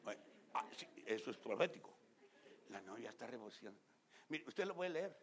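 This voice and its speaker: A man preaching a fiery sermon as pastor. He talks straight to the congregation, gets loud and emphatic, and acts out scenes in other voices. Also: medium pitch, very animated, fairly quick, a little hiss or hum. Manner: loud and emphatic, often shouting.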